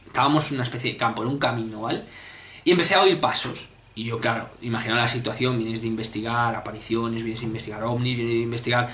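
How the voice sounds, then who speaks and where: A man in his twenties from Spain with a Spanish accent, telling a personal story to camera in a casual, animated way, with many fillers and restarts. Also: a little high. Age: 20s. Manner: animated, hesitant with fillers and restarts, clears throat often. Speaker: mystery channel host. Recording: echoey room.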